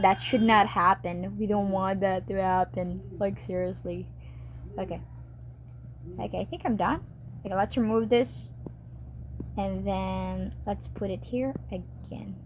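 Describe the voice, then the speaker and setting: A woman talking to herself while animating on a tablet, rambling, cheering herself on and breaking into excited outbursts. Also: medium pitch, a little hiss or hum. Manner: rambling, self-encouraging, chatty with sudden excited outbursts. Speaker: animator narrating her work. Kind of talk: casual talk while drawing.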